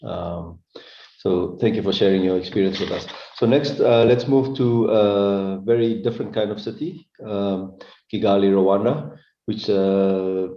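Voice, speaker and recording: Deep monotone man from South Africa hosting a panel, echoey room, dull audio. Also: unhurried. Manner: relaxed, introduces speakers with fillers. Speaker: panel moderator. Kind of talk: moderating a panel.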